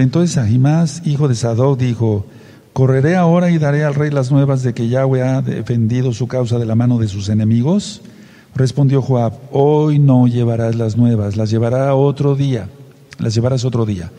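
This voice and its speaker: A man's voice: mid-range voice, normal speed, mellow, in a large hall. A man leading a Bible study, reading scripture aloud and stopping to explain it and question his listeners. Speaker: Bible teacher.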